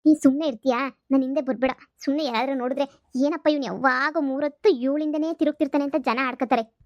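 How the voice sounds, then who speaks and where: A woman voicing a kind-hearted young woman who talks in a hushed, scolding, urgent way in a cartoon comedy. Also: sits high, steady tone, fast talker, no echo, dull audio. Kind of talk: cartoon voice acting.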